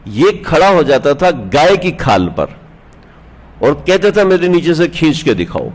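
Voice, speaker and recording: A man's voice: on the high side, sing-song. A male religious scholar giving a sermon, telling stories with rhetorical questions to his listeners and chuckling now and then. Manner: chuckles while telling anecdotes. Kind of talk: Urdu sermon on the Prophet's life. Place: standing on a prayer mat, indoors.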